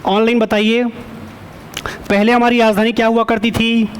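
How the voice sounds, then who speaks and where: This male teacher's voice is very high-pitched with a level tone, and there's slight background noise. Teaching an online exam-prep lecture, he repeatedly quizzes the students, checks in with a quick "okay," and corrects himself mid-stream.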